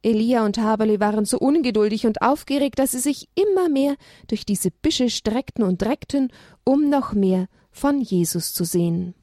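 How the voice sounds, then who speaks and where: A woman reads a children's story aloud with a gentle, expressive delivery. Her voice sits a little high. The recording is dry and close, with no room sound. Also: normal speed, dry recording.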